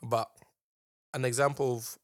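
A young man with an urban London roadman accent talks in casual, slang-heavy banter. His voice sits at a middle pitch and is emphatic, recorded dry and close. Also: flat delivery, measured pace, no room sound. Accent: London, urban roadman slang style. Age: young adult.

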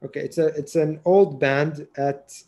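A young man co-hosting a casual podcast, his tinged. His voice sits a little higher than most men's. He laughs easily and slips fillers into his sentences. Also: steady tone, unhurried, dark tone. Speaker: podcast co-host. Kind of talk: casual chat.

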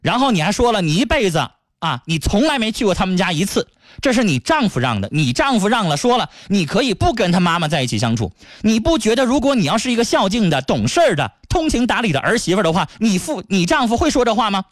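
Male call-in host, high voice, very lively swings in pitch, dry studio sound, scolding and lecturing. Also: fast, no room sound. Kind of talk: radio call-in advice show.

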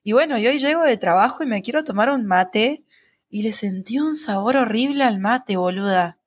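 A young woman with an Argentine accent co-hosting a podcast, talking fast and slangy in casual chat. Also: fairly high pitch, slight background noise. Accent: Argentine Spanish. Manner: rapid, slangy, expressive. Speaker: podcast co-host.

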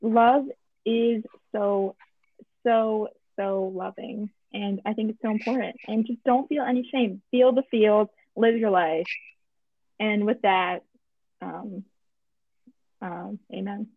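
A woman guesting on a casual podcast rambles in an earnest way. Her voice is slightly high and breathy. She sounds thin and tinny, like a phone line. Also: steady tone, measured pace, no echo. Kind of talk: casual chat.

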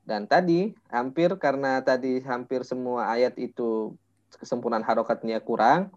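Man, recitation teacher, patient, drawn-out demonstrations, frequent fillers, mid-pitched voice, dull lo-fi voice-message sound. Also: steady tone, a little mellow. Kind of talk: one-on-one recitation lesson.

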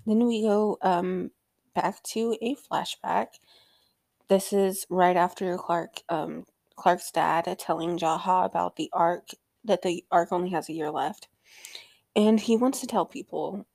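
A woman's voice: fairly low pitch, creaky, a little mellow, dry recording. A young woman hosting a casual TV episode recap, chatting loosely with swearing and frequent ums. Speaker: recap show host.

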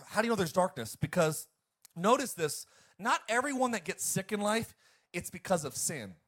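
This pastor's voice is high-pitched and very animated, and his sermon moves at a moderate pace. He preaches emphatically to the congregation, shifting from loud to quiet and back.

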